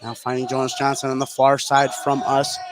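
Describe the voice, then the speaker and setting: A man calls a live basketball game play-by-play in clipped, present-tense phrases that track the action. His mid-range voice stays fairly level and moves a little fast. Gym sounds come through clearly behind him, along with some background music.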